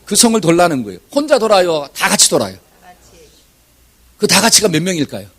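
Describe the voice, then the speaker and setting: Male pastor preaching, voice goes way up and down, kinda husky, asks the church lots of questions. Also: high voice, fairly quick. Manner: asks the congregation questions and leads scripture reading; lively, animated delivery with shouted examples. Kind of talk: sermon. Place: church sanctuary.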